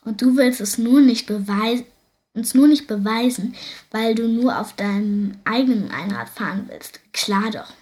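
A woman's voice: fairly high pitch, unhurried, darkish tone, natural voice. A woman voicing a boastful older brother who teases and mocks his sister in a storybook reading. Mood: mocking. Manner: teasing, mocking.

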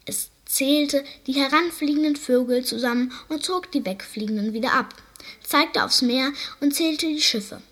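A woman reading a children's story aloud, narrating in a calm storytelling way. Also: high-pitched, normal speed.

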